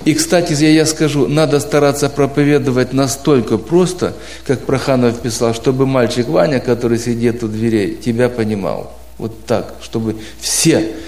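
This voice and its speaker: A man's voice: mid-range voice, normal speed, few pauses, a little mellow. A man giving an informal talk to a group of church brothers, patiently explaining points with homely examples and questions. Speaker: preaching instructor. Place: church congregation abroad.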